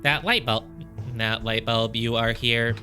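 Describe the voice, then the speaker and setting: A man's voice: mid-range voice, fairly even intonation, a little slow, pushed and bright, faint music behind. A man voicing a polite, formal robot guide while reading game dialogue aloud in a let's play, with a stiff, stately delivery. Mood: solemn.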